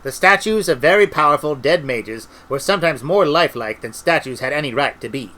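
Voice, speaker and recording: Middle-aged male reader, bright voice, animated comic narration. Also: fairly high pitch, a little fast, poor audio. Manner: lively, expressive storytelling. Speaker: audiobook reader. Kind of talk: comic novel reading.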